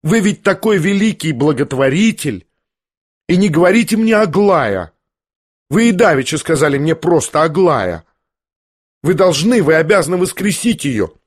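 A man's voice: on the high side, very animated, normal speed. A man reading an audiobook, voicing a proud, jealous young noblewoman who fires off agitated, reproachful questions. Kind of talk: audiobook character voice.

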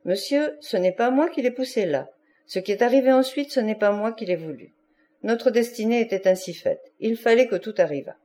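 A woman's voice: on the high side, animated, normal speed, mellow, close to an everyday voice. A woman voicing a fiery, capricious young woman. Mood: insistent. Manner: shifts from defiant to pleading. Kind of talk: audiobook character reading.

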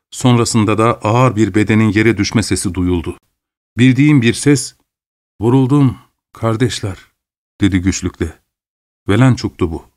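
Male audiobook narrator, grave measured storytelling, mid-pitched voice. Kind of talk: scripted literary narration.

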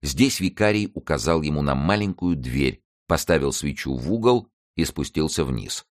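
A man narrating an audiobook in a steady storytelling manner. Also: very deep voice, moderate pace, dry recording, studio quality.

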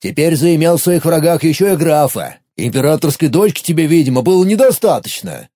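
A man's voice: a little high, very animated, a little fast, mellow. A man voicing a grumpy, sarcastic male octopus god in an audiobook, scolding and mocking.

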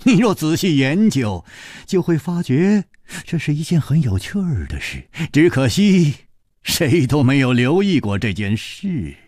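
A man's voice: a little high, measured pace, no echo, studio quality, pitched above the performer's own voice. A man doing Chu Liuxiang, the smug clever detective. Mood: amused. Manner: calm, teasing, laughing. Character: suave, sharp-witted male detective hero.

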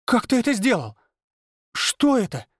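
A man voicing a scornful, sharp-tongued young village girl in an audiobook. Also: high voice, very animated, brisk, dry recording, clean studio sound, voice pushed up. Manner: mocking, haughty.

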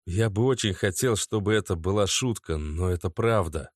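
A man's voice: low-pitched, normal speed, dry recording, studio quality. A man voicing a nervous young boyfriend who earnestly pleads to be believed.

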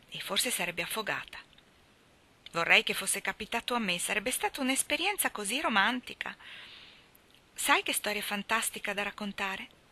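A woman reading aloud, voicing an excitable, dreamy orphan girl who gushes with breathless enthusiasm. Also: medium pitch. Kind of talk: audiobook reading.

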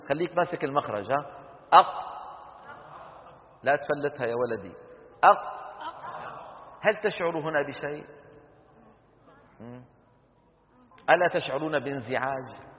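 A man teaching Quran recitation to a class, explaining patiently, quizzing students with rhetorical questions and demonstrating sounds. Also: fairly high pitch. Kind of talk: classroom lecture on tajweed. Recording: lo-fi hall recording with long reverb.

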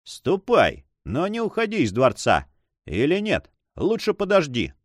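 A man's voice: a little high, huge pitch swings, unhurried, no room sound, studio quality, voice pushed up, exaggerated voice. A man voicing a proud, hot-tempered nobleman in an audiobook, commanding and threatening. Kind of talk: audiobook reading.

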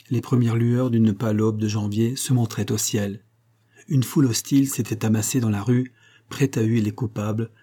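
A man narrating a novel in a measured, dramatic reading. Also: fairly low pitch, dark tone, slightly rough. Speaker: audiobook narrator. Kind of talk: scripted narration.

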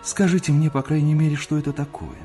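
A man's voice: fairly high pitch, steady tone, fast talker, dark tone, soft background music, pitched above the performer's own voice, natural voice. A man reading aloud, voicing a cool and detached married woman, the young man's aunt.

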